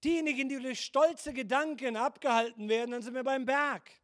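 Older male pastor with a very high voice, emphatic sermon delivery. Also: fairly even intonation, a little fast, fairly bright tone. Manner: emphatic preaching, rhetorical questions, varied pitch and volume.

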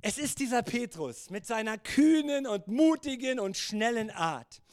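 A preacher in his fifties with a notably high voice tells his sermon as a lively, conversational story. The sound is close and dry, with no room echo. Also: a little slow.

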